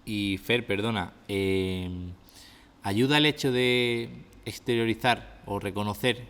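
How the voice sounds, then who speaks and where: A man speaks in a somewhat low voice. He politely interrupts to raise questions and gentle objections in a conversational way. His voice trails off into a long room reverb. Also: takes it slowly, smooth. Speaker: podcast co-host. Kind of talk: conversational podcast talk.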